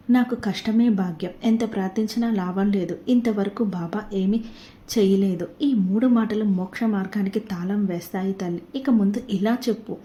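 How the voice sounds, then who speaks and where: A woman's voice: mid-range voice, dark tone. A woman narrating a scripted devotional message in an earnest tone, repeatedly addressing the listener as mother.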